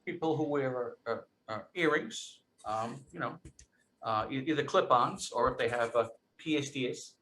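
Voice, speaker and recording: A man's voice: medium pitch, moderate pace, bright, forceful tone, a little hiss or hum, rough recording. A man with a Rhode Island accent doing a comic routine at a virtual gala, teasing like a mock teacher and repeating his punchlines. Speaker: comedian.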